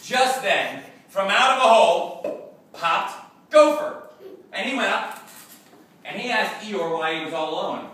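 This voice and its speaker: A man narrating a children's class play in an expressive, drawn-out storytelling manner. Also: high-pitched. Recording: echoey room, voice from far off, faint hiss.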